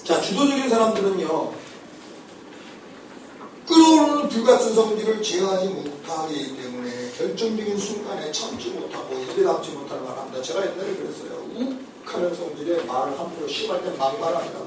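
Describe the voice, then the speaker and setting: A man giving an animated, joking lecture on personality types to an audience, often checking that they follow. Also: fairly high pitch, fairly quick. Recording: echoey hall, voice from far off, noisy.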